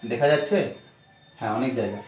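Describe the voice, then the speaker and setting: A man's voice: mid-range voice, quick pace, roomy sound, rough recording. A man teaching an online grammar lesson, explaining patiently step by step and checking in with repeated questions.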